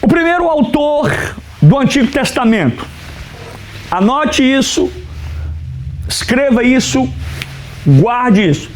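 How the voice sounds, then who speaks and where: A man's voice: extremely high pitch, slow pace, pauses often, a little hiss or hum. A man, a pastor, teaching an Old Testament class and asking his students questions that he then answers himself. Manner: animated teacher who asks questions and answers them himself; keeps telling students to write things down.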